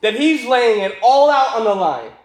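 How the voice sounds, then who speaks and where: Guy preaching in english, pretty high voice, punchy lines, stops for the translator. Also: sing-song, moderate pace, reverberant. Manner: emphatic, asks the crowd questions, reads scripture aloud. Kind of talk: sermon with live interpreter.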